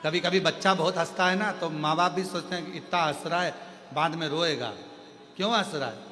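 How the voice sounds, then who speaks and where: A man telling a devotional story in a sermon, animated with rising emphasis and questions to his listeners. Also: on the high side, a little fast. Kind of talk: sermon storytelling with sung verses. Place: large devotional gathering. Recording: reverberant hall with faint music.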